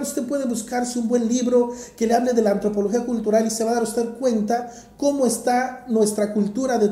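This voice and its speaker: A woman preaching a sermon in an emphatic, deliberate way, repeating phrases for effect. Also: a little high, warm tone. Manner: emphatic, deliberate, rhetorical repetition. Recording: echoey room.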